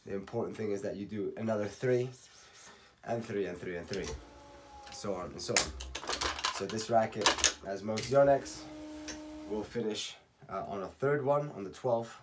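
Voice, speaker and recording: A man in his thirties, slightly hoarse from losing his voice, calmly talking through a how-to tutorial step by step and counting aloud. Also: fairly low pitch, moderate pace, heavy background noise. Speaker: racket stringing instructor. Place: home workshop at night. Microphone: camera on a tripod.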